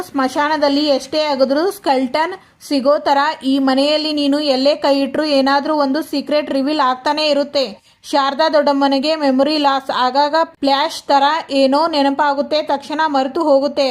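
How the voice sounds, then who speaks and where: A woman voicing an angry young daughter from a TV serial, scolding her mother in a sharp, accusing way. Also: high voice, natural voice.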